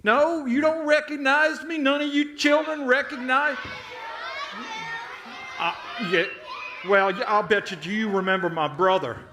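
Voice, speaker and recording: A man's voice: very high voice, unhurried, long pauses, crowd noise, noisy background. A man playing Daryl, a folksy, suspicious treasure hunter in a children's skit, talking in exclamatory country slang. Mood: suspicious, boastful.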